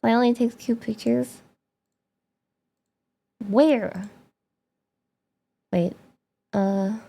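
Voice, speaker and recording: A young woman streaming live, chatting casually with her viewers, excitable, laughing often and swearing freely. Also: a little high, very slow, creaky.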